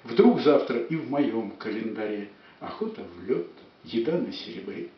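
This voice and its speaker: A man giving a dramatic poetry declamation, with measured, emphatic phrases that swell and fall. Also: mid-range voice, expressive, slight background noise. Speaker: poet reciting verse on stage. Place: echoey room, recorded at a distance. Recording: echoey room, distant dull microphone.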